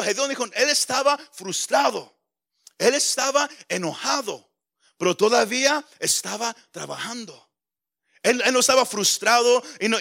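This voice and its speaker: A man's voice: very high-pitched, creaky, sharp tone. A male pastor preaching a sermon with impassioned delivery, often stammering over repeated words.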